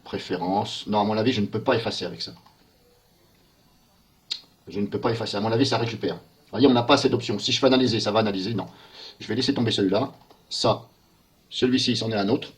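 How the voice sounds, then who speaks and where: A man talks through a software walkthrough while recording his screen. He thinks aloud and mutters in puzzlement as he clicks through the menus. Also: fairly low pitch, fast talker, pauses often. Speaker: software tester.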